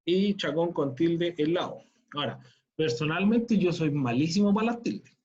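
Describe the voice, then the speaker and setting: A man teaches a class, his voice sitting fairly high for a man. He explains each step patiently and keeps checking that students follow. The audio is dull and muffled, as if it came through a lo-fi call. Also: animated, normal speed, a little mellow. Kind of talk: online class instruction.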